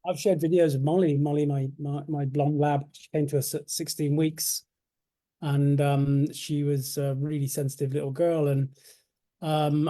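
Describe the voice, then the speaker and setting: A man hosting an interview, speaking thoughtfully with pauses. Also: on the high side, dark tone. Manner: thoughtful, measured with fillers. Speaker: host. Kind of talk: conversational interview.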